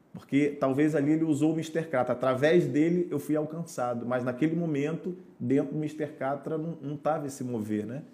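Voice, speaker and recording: A man's voice: fairly high pitch, dark tone. A man, a pastor, telling his conversion story on a podcast in an earnest, preacherly way. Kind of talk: podcast testimony.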